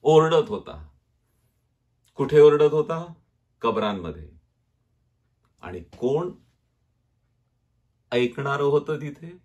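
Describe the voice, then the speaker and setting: A male pastor with a Marathi accent preaching a sermon dramatically, often dropping to a low, quiet voice. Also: lively intonation, slow, long pauses, lo-fi sound.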